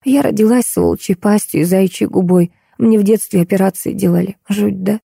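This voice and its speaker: A woman's voice: mid-range voice, fairly quick, creaky, warm tone, breathy edge, dry recording, studio quality. A woman voicing a frail, sickly young woman patient who speaks faintly, almost in a whisper. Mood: weak.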